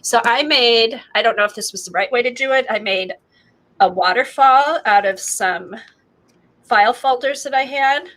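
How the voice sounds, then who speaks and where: A woman's voice: a little high, moderate pace, a bit bright, rough recording. A woman chatting casually as she hosts an art show and shows her craft work, rambling with many fillers, in her morning voice. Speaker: host of an art livestream. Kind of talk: casual chat while showing crafts.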